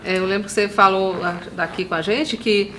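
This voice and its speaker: A woman's voice: medium pitch, fairly even intonation, brisk, sharp tone, slight background noise. A woman hosting a podcast interview, encouraging her guest with frequent agreeing fillers.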